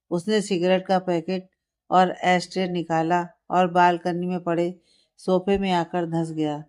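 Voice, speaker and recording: A woman reading a family drama story as scripted narration, in a calm, even storytelling manner. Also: lowish voice.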